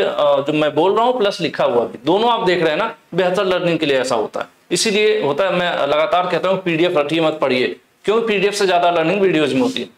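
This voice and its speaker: A young man teaching an exam-prep lesson, explaining slowly, repeating key words and reading English questions aloud. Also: sits high. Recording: echoey room.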